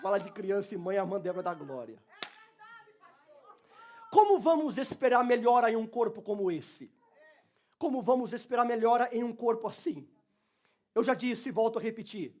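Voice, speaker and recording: A man, a pastor preaching a church sermon with passion, going from soft talk to shouting. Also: high-pitched, lively intonation, moderate pace, long pauses.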